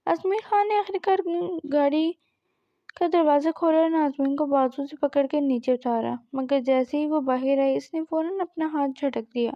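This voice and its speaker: A woman narrates a romantic novel in an even, scripted storytelling read. Her voice is high and mellow with a gravelly edge. The recording is dry and slightly dull. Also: dry recording.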